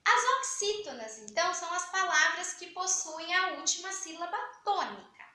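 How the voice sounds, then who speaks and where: A young woman teaching a grammar class, her voice high and bright. She talks in a chatty way, asking questions and then answering them herself. The sound bounces around an echoey room. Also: expressive, normal speed. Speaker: Portuguese teacher. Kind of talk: online grammar lesson.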